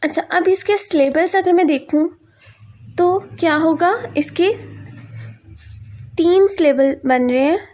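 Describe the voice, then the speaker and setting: A woman's voice: very high voice, slow, long pauses, a little mellow. A middle-aged Pakistani woman with a Pakistani accent and Urdu as her first language, teaching a spoken English lesson at a board. She explains step by step, mixing in English terms and often checking in with "ठीक है".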